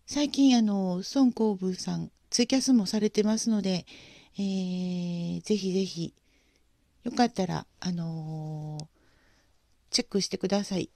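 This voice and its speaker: A woman hosting a casual livestream, speaking gently and politely with frequent pauses and fillers. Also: medium pitch, no echo. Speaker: livestream host.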